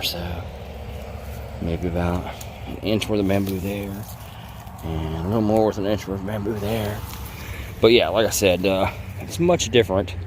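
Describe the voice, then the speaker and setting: A man's voice: on the low side, a little hiss or hum. A man from the States, filming a playful outdoor vlog on a handheld phone and teasing the plants as he talks. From southern United States. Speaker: bladesmith hobbyist vlogger. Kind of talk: casual outdoor demo vlog. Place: outdoors in a bamboo grove.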